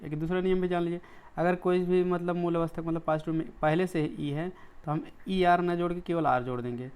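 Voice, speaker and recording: An Indian man teaching an English grammar lesson, walking through each rule and its examples. His voice is smooth and clear and sits a little higher than most men's. He keeps pausing to check that his students are following. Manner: explains step by step, often checking in with "ठीक है".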